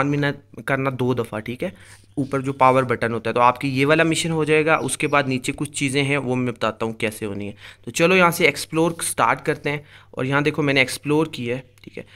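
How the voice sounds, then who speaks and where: Medium in pitch, his voice comes across pushed and bright, and the tone is clean. He's hosting a gaming video, giving casual screen-recorded commentary and explaining things directly to viewers as he goes.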